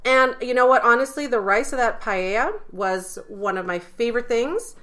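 A woman chatting about food with a bright, forward tone. She talks in an excitable, chatty way and laughs easily. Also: a little high, moderate pace. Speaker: podcast co-host. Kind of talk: casual chat about food and drinks.

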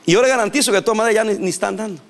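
A male pastor preaching a sermon in a lively, animated way, laughing and acting out quotes. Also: high voice, very fast.

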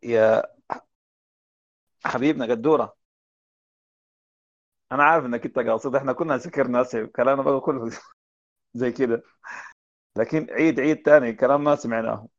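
Man, host, rapid teasing banter, dry dull lo-fi call audio. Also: mid-range voice, dry recording. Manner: joking, teasing, fast banter. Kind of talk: casual chat on an online audio room.

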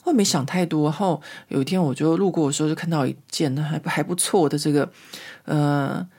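Podcast host, woman in her 40s, low voice, rambling casual storytelling. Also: brisk, dark tone, slightly rough. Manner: chatty, rambling storyteller, many fillers. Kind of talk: casual chat monologue.

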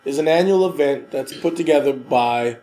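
A man's voice: medium pitch, moderate pace, dark tone, soft background music, low-quality recording. A man with a stuffy nose from a cold, co-hosting a podcast in casual, slangy chat with emphatic repeated phrases. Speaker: podcast co-host.

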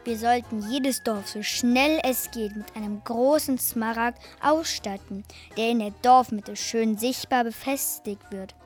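A woman voicing a clever, friendly male traveler who talks in a coaxing, quick way. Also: on the high side, soft background music, voice pushed down, natural voice.

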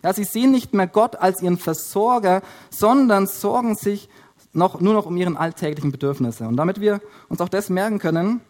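A man's voice: high-pitched, fairly quick, darkish tone. A man giving a Bible teaching, explaining step by step with frequent hesitations while he draws. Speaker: preacher.

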